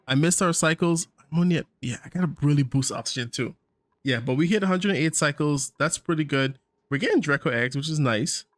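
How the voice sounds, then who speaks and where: A man's voice: fairly high pitch, fairly quick, no echo. A man hosting a gaming channel, thinking aloud in casual let's-play commentary with fillers and small laughs, in a tired morning voice.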